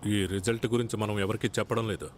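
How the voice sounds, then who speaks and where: An actor playing a curt, commanding TV show director who barks cues on set, in a film drama. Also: male voice, lowish voice, steady tone, fast talker, close to an everyday voice. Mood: scheming. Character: bossy TV director on set, man.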